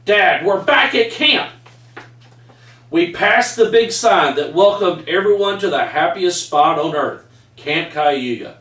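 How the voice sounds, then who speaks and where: With animated, slow, pushed and bright delivery, a middle-aged Texan man reads a personal story from his own book, folksy and full of "y'all." His voice runs slightly high for a man. The far camera in his picture-framed home room makes him sound remote and echoey.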